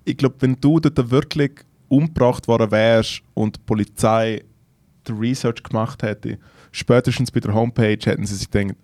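A man teases his co-host on a podcast with dry wisecracks. His pitch is medium for a man. The recording is dry and close to the mic. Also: fairly even intonation, moderate pace, darkish tone, dry recording. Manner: teasing, dry jokes. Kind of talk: casual banter.

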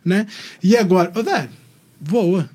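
A man, a doctor telling stories in casual podcast chat, animated and always tossing in "velho". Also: sits high, unhurried, husky. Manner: animated storyteller, keeps saying "velho".

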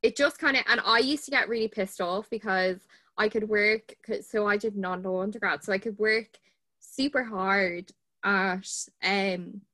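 A woman's voice: mid-range voice, unhurried, a bit bright. A woman in her twenties with an Irish accent, hosting a podcast in an informal, conversational way. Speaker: podcast host, barrister.

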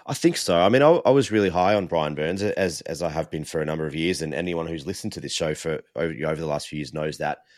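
A man's voice: extremely low pitch, quick pace, few pauses, a little mellow, no room sound, clean studio sound. A man giving casual sports analysis as a podcast co-host, repeating words as he builds each point.

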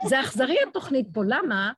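A middle-aged woman giving an emotional religious talk to an audience, acting out dialogues as she speaks. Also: lively intonation. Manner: impassioned, acts out dialogues with swinging pitch.

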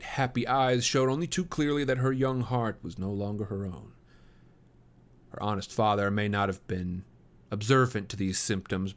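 A man hosting a read-aloud, narrating a classic novel in a measured, even voice. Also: on the low side. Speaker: host reading a novel aloud. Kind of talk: audiobook-style narration.

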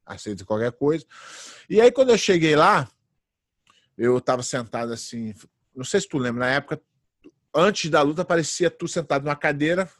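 A man in his late thirties, a jiu-jitsu fighter, telling lively anecdotes in a casual interview. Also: mid-range voice, dry recording, studio quality. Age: late 30s. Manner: animated anecdotes, acts out quoted voices.

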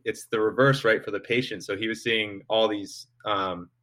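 A man's voice: fairly low pitch, steady tone, moderate pace, fairly bright tone. A man hosting a podcast interview, asking friendly, probing questions. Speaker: podcast host.

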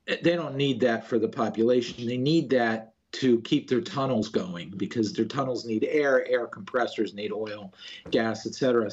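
A political analyst appears as a guest in a news interview, speaking in a husky, mid-pitched voice on a slightly dull recording. He explains his points haltingly and often doubles back on his words.

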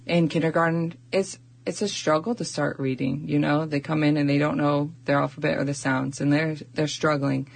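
Young female teacher, low register, relaxed and chatty, filler-heavy interview talk. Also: moderate pace, creaky, few pauses. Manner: chatty, uses many fillers. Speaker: first grade teacher. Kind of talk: casual radio interview.

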